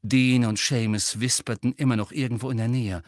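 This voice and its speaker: A man narrating an audiobook in a measured, dramatic reading. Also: medium pitch, steady tone, dry recording, clean studio sound. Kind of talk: scripted narration.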